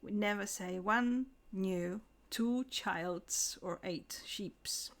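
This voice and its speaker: A medium-pitched woman, an English teacher, delivers a scripted English lesson. She slows down to pronounce example words with care.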